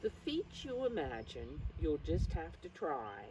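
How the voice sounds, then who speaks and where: This mature woman's voice is deep and a little slow as she reads a picture book to young children, her intonation animated and her tone encouraging. She talks directly to the kids and keeps explanations simple; the distant mic catches faint noise.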